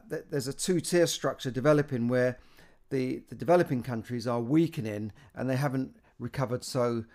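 A British man muses aloud about the economy in a loose, unscripted way. He trips over his words, restarting phrases and doubling up small words as he goes. His voice sits at an ordinary middle pitch for a man. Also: vocal fry, a little mellow. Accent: British English. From Britain. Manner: halting, many restarts and repeated words. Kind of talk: casual spoken commentary on economic news.

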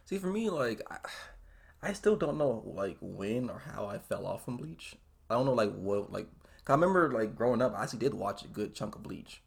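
A man's voice: lowish voice, big pitch swings, brisk, creaky, breathy edge. A young American man hosting a casual anime chat, thinking aloud in an earnest, hesitant way. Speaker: podcast host.

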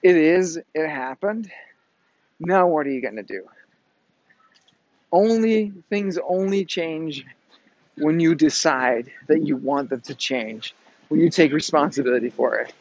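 A man's voice: on the high side, lively intonation, a little slow, pauses often, dry recording, muffled recording. A man giving a blunt motivational monologue to his viewers outdoors, swearing freely and tagging his points with "right?". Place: outdoors in the wind.

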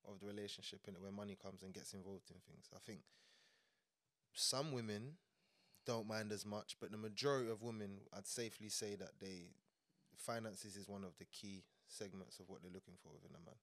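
A man's voice: fairly low pitch, fairly even intonation, a little fast, a bit bright, no room sound. A young man with a London urban street accent, chatting in casual slangy podcast banter.

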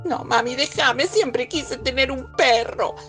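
A woman's voice: takes it slowly, fairly bright tone, soft background music, heavily acted. A woman voicing a pleading, mischievous little girl with a Rioplatense accent, whiny and insistent. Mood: wheedling. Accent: Rioplatense Spanish. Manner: whiny, insistent, high-pitched.

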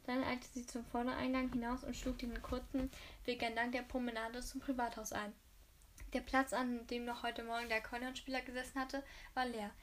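A woman's voice: on the high side, level tone, normal speed, a little hiss or hum. A woman reading a novel aloud who often stumbles and restarts her words. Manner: frequent slips and restarts. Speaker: audiobook reader.

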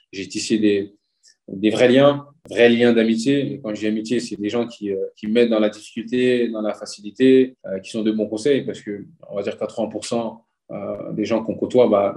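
A man with a fairly low voice speaks as a footballer guest in a casual interview. He tells stories in an animated way, plays out the dialogue and trails off with loose fillers. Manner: lively anecdote-telling, acts out dialogue, frequent trailing fillers.

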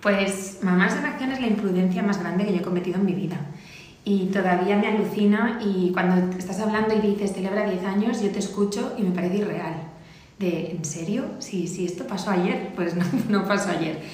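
A woman in her thirties from Valencia telling her story as a podcast guest, animated and acting out the dialogue she quotes. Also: medium pitch, moderate pace. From Valencia, Spain. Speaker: guest, charity founder. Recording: very echoey room, faint ambient noise.

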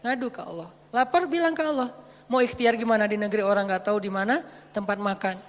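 A woman's voice: mid-range voice, quick pace, big-room sound. Playful woman preacher. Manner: playful, animated, acts out dialogue with jokes. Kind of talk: storytelling sermon.

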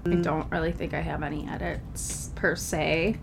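A woman's voice: low-pitched, flat delivery, moderate pace, vocal fry, soft background music. A woman co-hosting a podcast in casual chat, her voice nasal from a cold, with a laid-back, wry manner. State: has a cold. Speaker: podcast co-host.

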